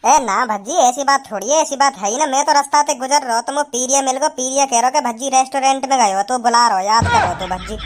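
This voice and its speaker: An easygoing, talkative village man from a cartoon, voiced by a woman, smoothing things over in a rural western Uttar Pradesh accent. The voice is pitched high and bright over a running music bed. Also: fast talker, hardly any pauses, lightly acted. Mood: explaining. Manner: soothing, explaining, chatty rustic talk. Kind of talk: cartoon voice acting.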